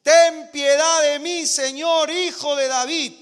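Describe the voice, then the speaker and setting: A man voicing a desperate mother who cries out loudly for mercy, in a sermon retelling. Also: extremely high pitch, steady tone, slow pace, long reverb tail, pitched above the performer's own voice, exaggerated voice. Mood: pleading cries. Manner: loud crying-out pleas.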